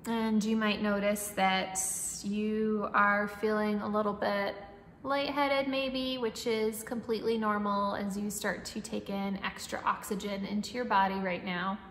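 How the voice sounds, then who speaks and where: A woman leading a guided breathwork meditation in a soothing, instructing manner, with long pauses and audible breathing and sighs. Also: medium pitch, little pitch movement, a bit bright. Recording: echoey reverberant room, faint background noise.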